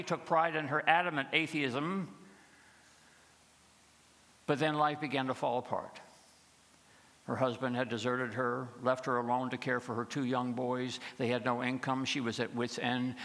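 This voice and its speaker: A middle-aged man preaching an Easter sermon from the pulpit of a large church, using rhythmic repetition and dropping low for the dark passages. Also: vocal fry. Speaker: pastor. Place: large church sanctuary with choir behind. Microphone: pulpit microphone. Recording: long reverb of a large church.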